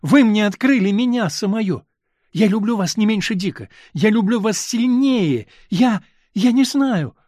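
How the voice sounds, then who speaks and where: A male reader voicing a gentle, confused woman torn between two men, talking in an earnest, wavering way. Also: high voice, animated, a little slow, no echo, studio quality, pitched above the performer's own voice.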